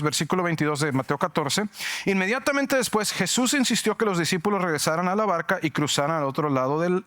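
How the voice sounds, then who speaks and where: A male pastor preaching a sermon, animated and joking, acting out shouts from the story. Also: sits high. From Mexico.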